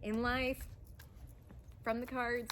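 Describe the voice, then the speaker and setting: A woman giving a pick-a-pile card reading in an enthusiastic, chatty way that sometimes gets loud and rowdy. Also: on the high side, flat delivery, slow pace, slight background noise. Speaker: tarot card reader.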